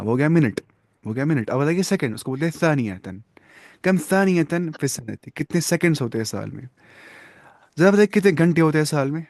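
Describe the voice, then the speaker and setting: In a studio-clean recording with no echo, a man with a fairly high voice runs a classroom-style Arabic lesson. He patiently tests his students, praises their answers, and weaves English words into what he explains.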